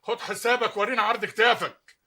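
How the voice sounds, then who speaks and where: An actor with an Egyptian Arabic accent playing a stern shop owner who talks in a commanding, scolding way in a TV drama. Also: male voice, sits high, fairly even intonation, quick pace, sharp tone, full character voice. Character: stern shop owner, older male boss. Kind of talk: TV drama acting.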